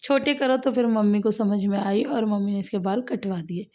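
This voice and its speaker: A woman's voice: medium pitch, moderate pace. A woman from India, a mother, chatting casually to viewers in a home vlog. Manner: chatty, talks straight to viewers as "guys". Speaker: family vlogger and mother. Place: at home, indoors. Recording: dull lo-fi home recording.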